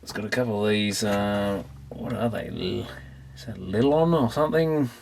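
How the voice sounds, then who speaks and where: An Australian electronics repair hobbyist muses offhandedly to himself as he works, giving casual, rambling commentary. His voice is fairly low and a little mellow at a normal speed, and the recording is clearly noisy with clicks.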